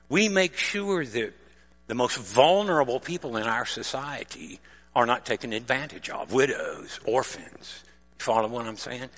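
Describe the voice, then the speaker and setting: A man preaching with a lively voice that rises and falls widely, asking his listeners rhetorical questions. His tone is bright and forward. It carries a long reverb, as in a big hall. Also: mid-range voice. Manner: explains religious terms plainly. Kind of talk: sermon.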